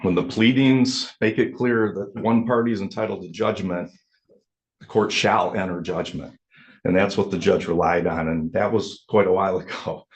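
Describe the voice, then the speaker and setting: A man arguing in court as an attorney, making his case through measured storytelling. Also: deep voice, fairly even intonation. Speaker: attorney addressing a judge. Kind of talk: anecdotal courtroom argument.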